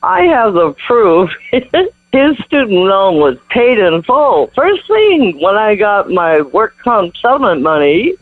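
A woman's voice: mid-range voice, very animated, slow pace, no room sound. A tipsy woman leaving a rambling, giggly voicemail over a landline phone. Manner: rambling, giggly, chuckles between sentences. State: tipsy from morning drinking. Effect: heard over a landline phone voicemail. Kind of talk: casual phone message. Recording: tinny dry phone line.

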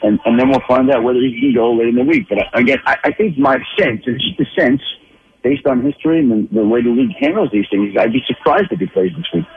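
A man's voice: mid-range voice, fast. A man calling in as a football insider, thinking aloud with lots of restarts and repeated words. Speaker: NFL insider guest. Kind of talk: phone-in sports analysis. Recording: tinny phone line.

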